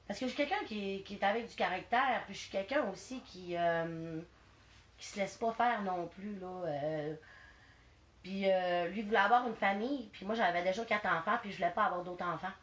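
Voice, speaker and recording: A woman with a Quebec French accent, a mother being interviewed, speaking hesitantly and softly. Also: medium pitch, moderate pace. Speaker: interview guest. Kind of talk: casual interview. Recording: echoey room, faint noise.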